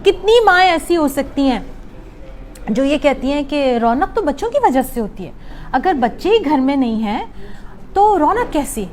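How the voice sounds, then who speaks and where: A woman psychologist leads a workshop in a club hall, speaking in a fairly high voice. She explains things patiently and takes questions from the audience, mixing English words into her talk. A faint room ambience sits behind her. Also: sing-song, a little mellow, slight background noise. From Pakistan.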